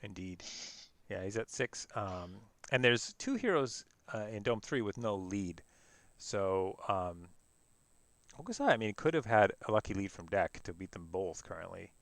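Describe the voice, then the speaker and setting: A man giving casual play-by-play commentary on a card game, relaxed and quick to laugh. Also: on the low side, no room sound. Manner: relaxed, laughs easily, self-correcting.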